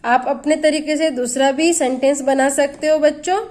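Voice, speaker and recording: A woman's voice: high-pitched, fairly even intonation, normal speed, a little mellow. A woman teacher giving a grammar lesson to children, explaining patiently and asking them questions as she goes.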